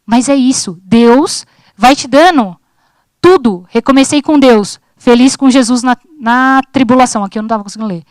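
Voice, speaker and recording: A woman's voice: fairly high pitch, moderate pace, a little mellow, no echo. A woman in her thirties giving an informal sermon at a church service, chatty and joking, acting out her own talks with God. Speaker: preacher at a church youth service.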